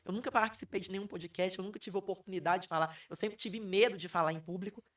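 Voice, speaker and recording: A woman's voice: medium pitch, steady tone, quick pace, distant mic. A woman tells her own story as a podcast guest. She is emphatic and keeps repeating phrases to drive them home. She sits a little away from the microphone. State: hoarse. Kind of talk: emotional personal storytelling.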